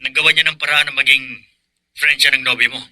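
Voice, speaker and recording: An actor playing Miguel, a loyal younger brother who speaks earnestly and pleadingly, in a radio drama. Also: male voice, medium pitch, steady tone, a little fast, pushed and bright, no room sound.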